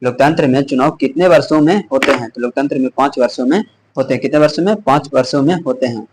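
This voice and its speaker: A male teacher with a hoarse throat running a quiz-style exam revision lesson, repeating each question and answer with frequent restarts. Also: mid-range voice, fast, slight background noise, low-quality recording.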